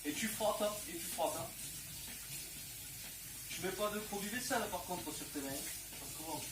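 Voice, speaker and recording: A man's voice: sits high, normal speed, noisy background. A man with a southern French accent running a casual cooking tutorial, cracking crude jokes and tagging his sentences with "hein" as he talks straight to the viewer. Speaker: home cook presenting a recipe. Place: home kitchen. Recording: echoey kitchen with music behind.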